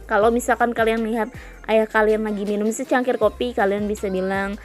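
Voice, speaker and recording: Slow, patient Indonesian woman teacher. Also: fairly high pitch. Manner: repeats English phrases slowly and clearly, patient. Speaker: English teacher. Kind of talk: slow classroom explanation for young children.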